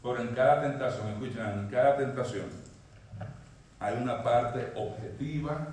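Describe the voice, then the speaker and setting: A male pastor preaching a sermon, swinging from emphatic high peaks down to low quiet lines. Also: normal speed. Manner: preaching, rising emphatically, then dropping low. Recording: echoey hall, mic at a distance.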